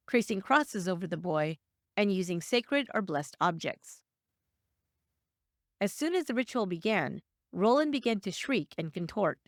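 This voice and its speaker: A woman reads a true crime story in a measured, steady voice, sounding scripted and even throughout. Her pitch sits in a middle range. The recording is dry and close, with no room sound. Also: dry recording. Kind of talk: scripted narration.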